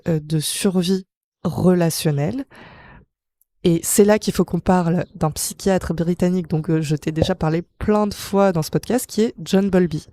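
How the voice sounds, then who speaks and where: A woman's voice: fairly low pitch, mellow, no room sound, studio quality. A woman hosting a psychology podcast, explaining things in a chatty, conversational way with playful asides. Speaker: podcast host. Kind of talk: casual psychology podcast monologue.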